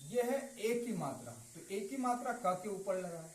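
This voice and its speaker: A man teaching a slow, step-by-step writing lesson, patiently repeating each answer and dropping his voice at every result. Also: sits high, animated. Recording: echoey room with faint noise.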